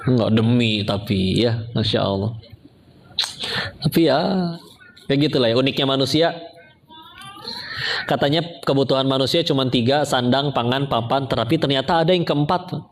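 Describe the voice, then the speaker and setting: A man's voice: medium pitch, a little hiss or hum. Middle-aged male preacher, casual storytelling sermon, jokes and voices the people in his anecdotes. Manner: humorous, acts out characters in quoted dialogue.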